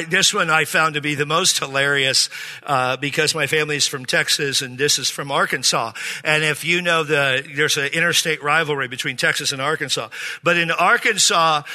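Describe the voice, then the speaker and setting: A man's voice: high-pitched, sharp tone. A middle-aged male pastor preaching a sermon, joking with the congregation and calling for amens, recorded live in a church sanctuary. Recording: preaching in a reverberant hall.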